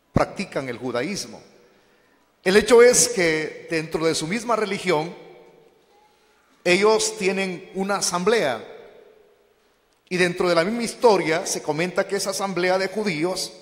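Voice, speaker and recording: Slow high-voiced man preaching. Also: in a large hall. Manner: addresses listeners as brothers, asks and answers questions. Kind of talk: teaching sermon.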